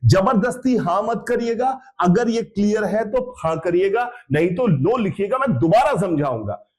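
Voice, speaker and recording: A man's voice: high voice, lively intonation, normal speed, a little mellow. A man teaching physics. He drills students with repeated questions and throws in blunt, scolding asides. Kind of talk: live online lecture.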